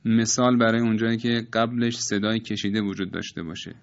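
A man calmly explaining Quran recitation rules step by step, reciting each example slowly and repeating it. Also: lowish voice, dull audio.

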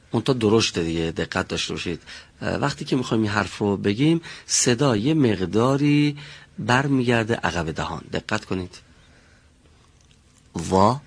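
A man's voice: lowish voice, breathy edge. A man teaching pronunciation in a classroom, patiently drilling single sounds and correcting students.

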